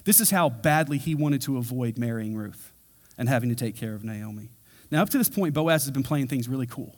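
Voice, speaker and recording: A man's voice: mid-range voice, lively intonation, fairly quick, a little mellow. A man preaching a verse-by-verse sermon in a casual, conversational way, acting out quotes in everyday voices. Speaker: pastor. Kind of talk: expository sermon.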